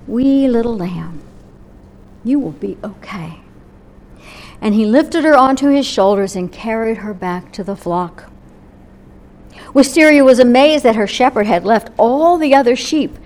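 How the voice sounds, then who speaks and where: During a church service, a woman pastor with a voice on the high side tells a gentle story sermon, letting her voice soften almost to a whisper at the end of each phrase.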